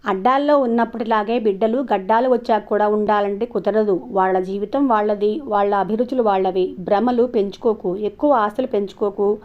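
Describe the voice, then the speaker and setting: A woman voicing a calm, patient older husband who soothes and advises his wife. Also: mid-range voice, brisk, muffled recording, natural voice. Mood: soothing.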